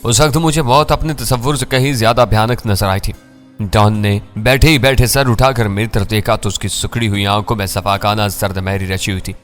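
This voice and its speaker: Low-voiced man reading a thriller. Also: fairly even intonation, soft background music. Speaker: storyteller. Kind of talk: scripted first-person thriller narration.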